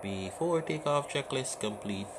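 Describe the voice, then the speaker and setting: A man's voice: mid-range voice, animated, measured pace. A man giving pilot procedure callouts and casual commentary on a flight simulator. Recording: loud cockpit noise behind the voice. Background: aircraft cabin and engine noise.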